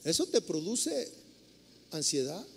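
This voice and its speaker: A man's voice: on the high side, big pitch swings, takes it slowly, gravelly, long reverb tail, a little hiss or hum. A man with a Mexican accent preaching a sermon, telling everyday stories in a conversational way and acting out the scenes. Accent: Mexican Spanish. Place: church sanctuary.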